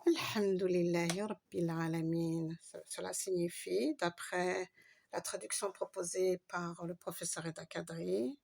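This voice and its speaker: A woman's voice: lowish voice, fairly even intonation, unhurried, vocal fry, husky. A woman giving a patient, step-by-step Arabic reading lesson, spelling out letters and stretching long vowels. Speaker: Arabic teacher.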